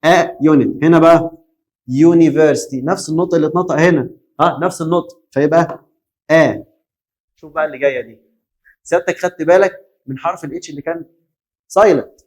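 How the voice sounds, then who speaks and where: A young Egyptian man with a fairly high voice teaches a lesson with plenty of energy. He quizzes his students, asks them to repeat words after him, and answers his own questions. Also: fast talker, darkish tone. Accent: Egyptian Arabic. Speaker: English teacher. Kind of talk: Egyptian Arabic classroom lesson.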